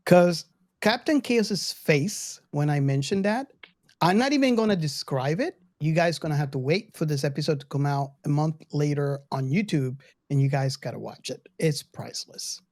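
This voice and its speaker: A man's voice: on the high side, lively intonation, normal speed, a little mellow. A man co-hosting a podcast, plugging episodes in laid-back casual chat. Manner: laughs a lot, promotes the show. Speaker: podcast co-host.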